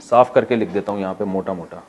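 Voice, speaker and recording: A man from Pakistan, an Islamic scholar teaching a Quran exegesis class, who asks the class questions, answers them himself, and jokes with his students. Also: low voice. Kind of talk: classroom lecture.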